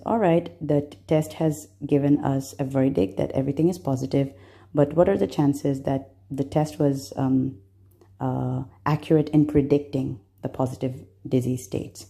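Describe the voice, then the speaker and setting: Low, gravelly woman explaining a topic. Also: mellow. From Bangladesh. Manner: patient step-by-step explaining with frequent fillers. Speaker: medical student presenter. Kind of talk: explaining exam concepts.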